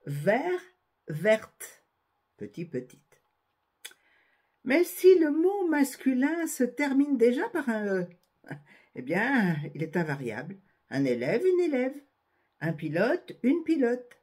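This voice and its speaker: A woman teaching a grammar lesson, dictating word pairs slowly and carefully. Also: a little high, darkish tone, slightly rough. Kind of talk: slow spoken grammar lesson.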